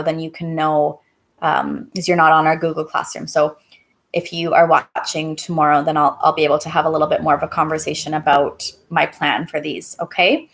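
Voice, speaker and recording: A woman teacher reading a story aloud on a live stream, then chatting with her viewers in a halting, casual way. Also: sits low, a bit bright.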